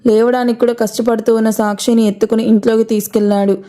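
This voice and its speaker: A woman storyteller reads a scripted audio story at an even, steady pace. Her voice is slightly high, with a mellow, warm tone. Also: fast.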